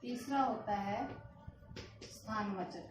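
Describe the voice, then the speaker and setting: A woman's voice: medium pitch, slow pace, over music. A woman teaching a grammar lesson, explaining step by step, repeating examples and answering her own questions. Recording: echoey room, distant mic.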